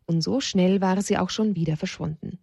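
A woman's voice: fairly low pitch, normal speed, vocal fry, mellow, slightly rough, dry recording. Woman reading a children's story. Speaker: narrator.

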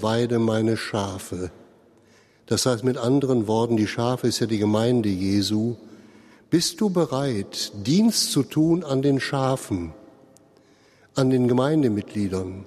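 A man's voice: mid-range voice, darkish tone, big-room sound. A man preaching a sermon, explaining earnestly and speaking straight to his listeners. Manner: slow, earnest explaining, addresses listeners directly. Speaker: pastor.

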